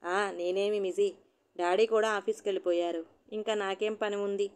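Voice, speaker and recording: A woman's voice: medium pitch, steady tone, moderate pace, a little mellow, clear, resonant tone, lightly acted. A woman voicing an irritable middle-aged housewife who complains sharply and peevishly.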